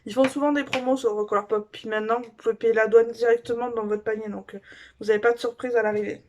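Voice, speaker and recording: A woman beauty vlogger chatting casually through a makeup haul review, gushing and filling pauses with little fillers. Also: on the high side, fairly even intonation, a little mellow, a little hiss or hum.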